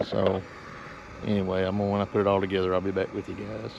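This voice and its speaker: Easygoing male camping vlogger, low and gravelly, rambling chat to camera. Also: little pitch movement, quick pace, lo-fi sound, background noise. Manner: easygoing, rambling, plain-spoken. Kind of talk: casual talk to camera. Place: outdoors on a mountain, then in a truck bed.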